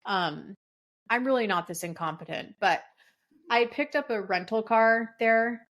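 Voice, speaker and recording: A woman's voice: a little high, unhurried. Podcast co-host, middle-aged woman, casual storyteller who curses and acts out quotes. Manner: animated, swears freely, acts out quotes.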